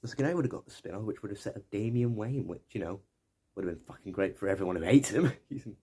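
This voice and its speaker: A man's voice: fairly low pitch, expressive, quick pace, mellow, breathy edge. A young man, rambling through a casual video essay commentary, often correcting himself and swearing now and then. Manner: digressive, self-correcting, mildly profane. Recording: faint background noise.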